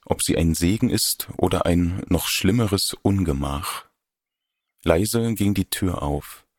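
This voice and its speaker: A young man reading a first-person story aloud, measured and wry, in a steady introspective narration close to the mic. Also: deep voice, slightly rough, no echo. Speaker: audiobook narrator.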